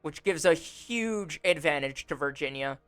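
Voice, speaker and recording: A young man giving relaxed, wry commentary on a strategy game simulation, with frequent fillers, recorded close on a desk mic at home. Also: fairly high pitch, unhurried, smooth, dry recording. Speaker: gaming YouTuber. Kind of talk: casual gameplay commentary. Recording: dry close voice over faint music. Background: faint background music.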